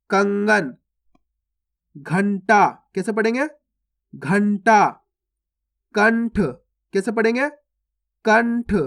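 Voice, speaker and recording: A man with a fairly high voice leads a step-by-step reading lesson. He poses each word as a question, then says it again slowly and clearly, speaking to viewers as friends. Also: a bit bright. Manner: repeats each word slowly after asking how to read it; addresses viewers as friends, patient explaining. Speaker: Hindi reading teacher.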